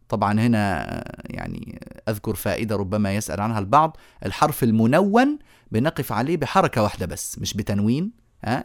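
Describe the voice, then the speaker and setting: A man gives a remote lesson on recitation rules, in a voice of middle pitch recorded dry and close. He moves step by step, puts questions to his students, and slows down to chant verse examples. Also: no room sound. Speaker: Quran recitation teacher. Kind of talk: remote lecture on tajweed.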